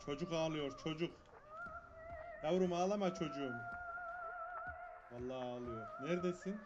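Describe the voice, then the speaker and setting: A gaming streamer with a fairly high voice talks at a moderate pace while playing a horror game over loud music. He is jumpy and swears, muttering prayers under his breath when frightened, and his dull lo-fi mic picks up faint noise.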